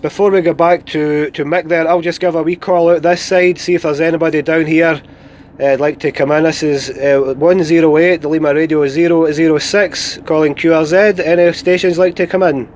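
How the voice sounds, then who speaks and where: A man's voice: a little high, fairly even intonation, a little fast, a little mellow. A Scottish man running a CB radio net, chatting casually and easily, with call signs and colloquial phrasing. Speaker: amateur CB radio net controller. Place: parked van outdoors. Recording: CB radio transmission with background hiss.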